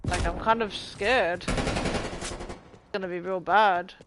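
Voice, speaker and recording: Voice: medium pitch, steady tone, slow pace, background noise. Tired, mumbling game streamer. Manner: mumbling, rambling, casual swearing. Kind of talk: casual live-stream chat while gaming. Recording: gunfire from the game behind the voice.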